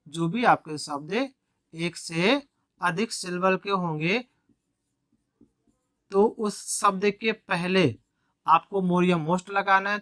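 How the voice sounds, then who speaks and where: A man's voice: fairly high pitch, a bit bright, dry recording, studio quality. A male teacher explaining an English grammar lesson in Hindi, step by step, with frequent repetition of key points.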